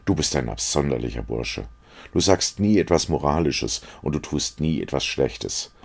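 A man's voice: very deep voice, animated, normal speed, gravelly, slightly rough, exaggerated voice. A man reading aloud as an earnest, secretive young painter who confides and pleads. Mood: earnest, confiding.

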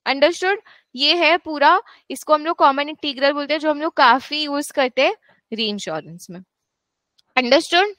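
A woman's voice: high voice, animated, moderate pace, a bit bright, no room sound. A woman tutor giving a classroom lecture, mixing Hindi and English, with firm asides to her students. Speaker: actuarial exam tutor.

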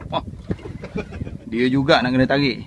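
A man giving excited, chatty commentary on his catch from a small open boat, filmed on a handheld phone. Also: medium pitch, a little slow, background noise. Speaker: angler filming his fishing trip. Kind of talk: casual running commentary.

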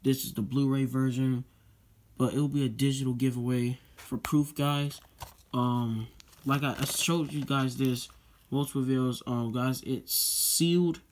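A teenage YouTube host talks from his desk in a casual unboxing vlog, rambling with lots of "um" and "guys" and returning to the same requests again and again. His voice is middle-pitched, with a steady tone and measured pace.

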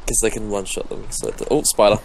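A man's voice: fairly low pitch, sing-song, fast, vocal fry, darkish tone. A man playing a game with a friend, chatting casually and shrieking when startled. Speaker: co-player. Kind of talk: casual gameplay banter.

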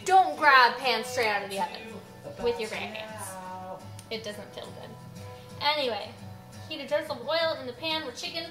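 A young woman with a slightly high voice talks like a tipsy cooking vlogger, loose and goofy. She rambles casually to the camera in an echoey home kitchen, with music behind her. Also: normal speed. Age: young adult. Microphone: camera on the counter, about arm's length or further. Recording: roomy kitchen echo.

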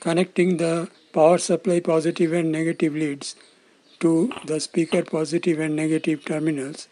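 Scripted and formal, this instructional narration comes from an electronics instructor in his sixties who explains things in a measured way. His pitch is on the high side, his tone level and dark.

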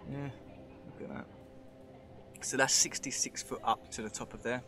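Exploring a show cave with a handheld camera, this man keeps up a chatty, speculative running commentary, rambling and pointing out features. He talks at a moderate pace in a steady, sharp, mid-range voice.

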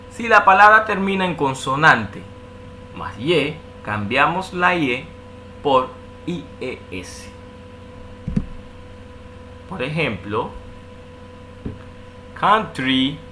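A man's voice: medium pitch, bright, forceful tone, slight background noise. A man teaching an online language lesson, patiently walking through rules and checking in often with a questioning "ok". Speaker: English teacher.

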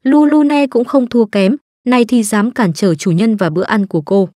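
A woman's voice: fairly high pitch, normal speed, warm tone, no echo. Woman narrating an anime recap, dry close sound. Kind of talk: scripted narration.

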